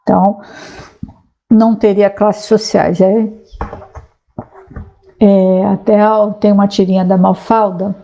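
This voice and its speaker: A woman's voice: mid-range voice, flat delivery, slow pace, creaky, long pauses, warm tone, highs cut off. A woman sociologist talking casually to viewers, explaining ideas and reading aloud from a website, with frequent tag questions. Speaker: sociologist commentator.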